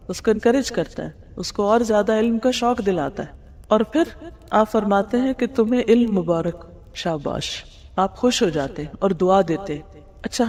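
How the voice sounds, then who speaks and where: A woman's voice: mid-range voice, darkish tone. A woman giving a religious lecture, explaining hadith, asking rhetorical questions and mixing in English words. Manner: mixes English words into her talk. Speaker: Islamic teacher. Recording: long hall reverb.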